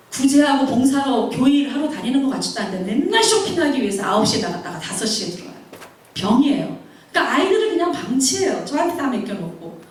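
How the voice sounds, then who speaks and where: A woman missionary delivers a sermon, weaving in personal stories and slipping into the voices of the people she quotes. Her voice sits high and lively. It rings through a large echoing hall, picked up from well away from the microphone. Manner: animated, acts out quoted voices. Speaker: missionary preacher. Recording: very echoey hall, mic far off.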